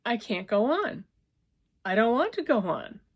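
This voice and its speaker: A woman's voice: on the low side, a little slow, vocal fry, darkish tone. A woman voicing a distraught young woman who pleads tearfully in a raised voice. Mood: pleading.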